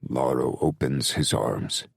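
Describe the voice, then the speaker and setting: A man narrating a dark romance audiobook in the first person, brooding, measured and intense. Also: rumbling low, creaky, slightly rough, no room sound, studio quality.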